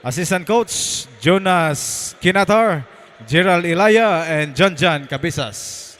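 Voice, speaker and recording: Over the PA of a big indoor arena, a Filipino-accented man calls out names in a drawn-out, fighting-game-announcer style. His voice is high, animated and a bit bright, and he takes his time. Long arena reverb echoes through the recording.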